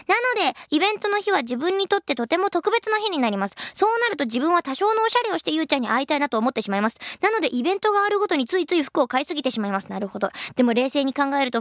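Bubbly high-voiced woman radio host. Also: dry recording, studio quality. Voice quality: a bit husky, by her own account. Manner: lively, chatty and playful, laughs at her own slips. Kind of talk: reading and answering listener letters.

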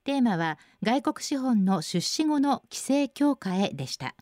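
Lively-voiced female radio host. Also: on the high side, a little slow, dry recording, clean studio sound. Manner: bright, chatty commentary on each post. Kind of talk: radio segment reading listener posts.

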